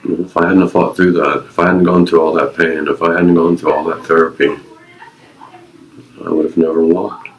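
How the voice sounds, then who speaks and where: A retired Navy veteran in his fifties, interviewed, speaks in a deep voice with a level tone at normal speed, and the audio is dull. Earnestly, he shares personal stories and life advice, relying on short, emphatic, repeated phrases.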